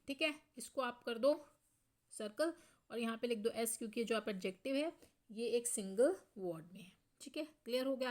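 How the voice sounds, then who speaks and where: A woman teaching schoolchildren grammar, explaining step by step and often checking in, reading example sentences slowly. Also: on the high side.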